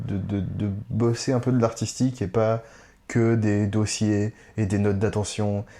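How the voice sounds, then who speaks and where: A man hosting a casual chat, relaxed and self-mocking, often breaking into giggles. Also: on the low side, unhurried. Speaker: host.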